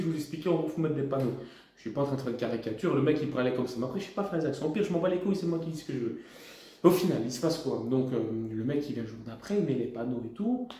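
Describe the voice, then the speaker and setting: A young man from Belgium telling a comic storytime, ranting in an animated, slangy, exasperated way. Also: a little high. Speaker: vlogger. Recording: very echoey room.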